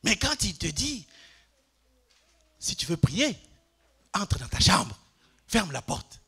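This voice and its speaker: An older man preaching a Bible study to a congregation, putting questions to them and swinging between loud declarations and quiet asides. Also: high-pitched, big pitch swings, takes it slowly, breathy edge. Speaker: pastor. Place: church.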